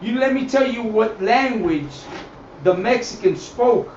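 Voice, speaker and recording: With a high, slightly mellow voice and lively intonation, a man teaches a religious group a little slowly, improvising a lesson on scripture and history. He emphasizes points, repeats phrases, and checks in with listeners, and the recording is echoey, dull, faintly noisy, and distantly miked.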